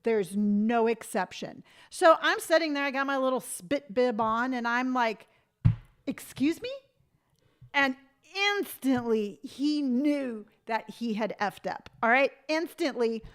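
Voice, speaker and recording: A woman's voice: on the high side, slow, clean tone. Emphatic woman in her fifties livestreaming. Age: 50s. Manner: emphatic, animated storytelling, reads viewer comments aloud. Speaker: TikTok live streamer. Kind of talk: casual live-stream chat.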